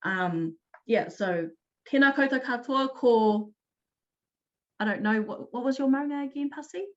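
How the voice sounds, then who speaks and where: A woman presenting an online teaching talk, explaining in an upbeat way with quick restarts. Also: fairly high pitch, dull audio.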